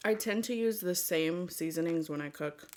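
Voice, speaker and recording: A woman vlogger chatting casually to her viewers in an unhurried, rambling way. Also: fairly low pitch, darkish tone, a little hiss or hum. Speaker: mukbang vlogger.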